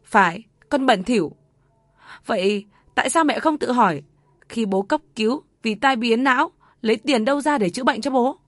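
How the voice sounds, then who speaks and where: A woman voicing a guilty young woman who pleads tearfully in halting words. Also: on the high side, fairly even intonation, no echo, studio quality, pitched above the performer's own voice. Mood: bitter.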